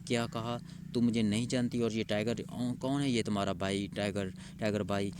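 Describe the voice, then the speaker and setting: A man's voice: on the low side, little pitch movement, noisy background, close to an everyday voice. A man doing a blustering street thug. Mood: bullying. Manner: gruff, blustering shouts. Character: swaggering thug man, loud and bullying.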